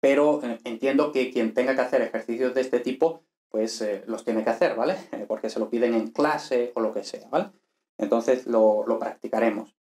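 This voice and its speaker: A man's voice: mid-range voice, moderate pace. Man teaching in an echoey room. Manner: relaxed explaining with frequent "¿vale?" tags. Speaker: Latin teacher. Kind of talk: online lesson.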